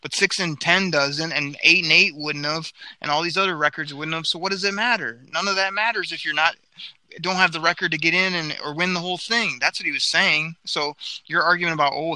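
A man hosting a sports talk show, excitable and argumentative as he makes his case. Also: a little high, brisk, no echo, rough recording. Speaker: sports podcast host.

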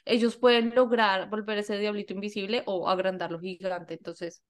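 A woman's voice: mid-range voice, level tone, moderate pace. A young Colombian woman co-hosting a podcast, chatting casually, laughing often and acting out bits of dialogue. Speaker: podcast co-host. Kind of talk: casual chat.

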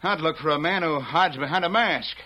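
An actor playing a shifty, smooth-talking rancher villain who blusters and evades in an old western radio drama. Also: male voice, fairly high pitch, fairly quick, bright, forceful tone. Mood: indignant bluster. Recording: muffled old radio recording, faint noise.

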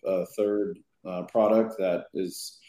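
Man, casual podcast guest, lively, dark timbre, echoey room. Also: deep voice. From Southern California. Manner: lively, quick bursts with many fillers. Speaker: podcast guest, detailer and product maker. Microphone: remote podcast call.

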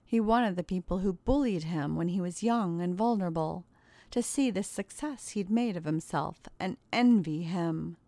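A woman narrating a story in a measured, even way and hosting her own audio channel. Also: lowish voice, dry recording.

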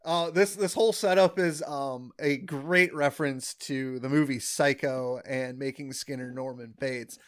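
A man co-hosting a podcast in casual chat about an episode, enthusiastic and quick to laugh, often correcting details. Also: mid-range voice, fairly even intonation, fairly bright tone. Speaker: podcast co-host.

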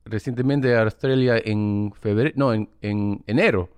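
A man's voice: lowish voice, normal speed, darkish tone, clear, resonant tone, no echo. Guy hosting a podcast, spanish speaker, laughs a lot, mimics people he quotes, dry close sound. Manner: laughs easily, acts out quoted locals. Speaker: podcast host. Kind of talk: casual chat.

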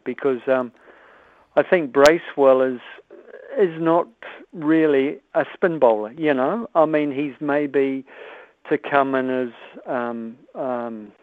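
A man's voice: mid-range voice, no echo. A man with a New Zealand accent calling in to a talkback radio show over the phone, speaking hesitantly with many fillers. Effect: heard over the phone. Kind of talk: casual phone-in chat. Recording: dry tinny phone line.

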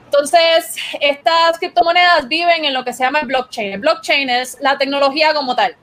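A woman's voice: sits high, normal speed, a bit bright. A Puerto Rican woman giving a casual explainer as host of a gaming segment, mixing English words into her Spanish in Spanglish.

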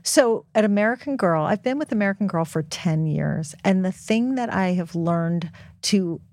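Here a medium-pitched, slightly mellow woman speaks with animation at a moderate pace, with no room sound. As a guest author and health expert on a podcast, she gives young people frank, casual, emphatic advice.

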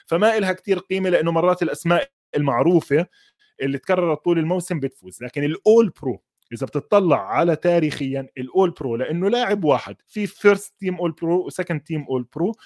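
A man with a Levantine Arabic accent talks sport in a casual, off-the-cuff way as an analyst. His voice sits a little high, and he speaks very quickly, dropping English terms into his sentences. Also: a little mellow. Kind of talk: casual unscripted football commentary.

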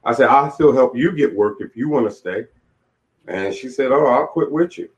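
In dull, lo-fi audio, an author in his late forties is interviewed about his life, speaking in a candid, reflective, plain way. He has a medium pitch, lively intonation, and a moderate pace.

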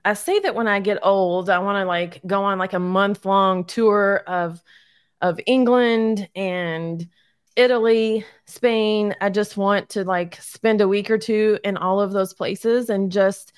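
A woman's voice: medium pitch, steady tone, measured pace, clear, resonant tone, no echo. Down-to-earth woman, dry close sound. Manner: down-to-earth, laughs often, encouraging. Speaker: guest, realtor and short-term rental owner. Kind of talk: casual interview chat.

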